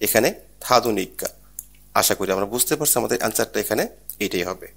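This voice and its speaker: Low-voiced man explaining exam questions. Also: fast talker, creaky, a bit bright. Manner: explains step by step, repeats and asks rhetorical questions. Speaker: Korean language teacher. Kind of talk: exam prep lesson.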